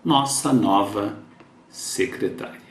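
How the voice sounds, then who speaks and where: A man teaching English in Portuguese, slowly repeating English words and sentences for pronunciation. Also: lowish voice, echoey room. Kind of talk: English lesson in Portuguese, reading and explaining sentences.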